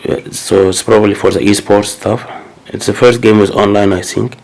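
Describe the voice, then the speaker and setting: A man with a cold hosts a casual unboxing of his new games for his gaming channel, stumbling through fillers and restarts. His low, gravelly, darkish voice stays steady at a moderate pace, and the recording is rough.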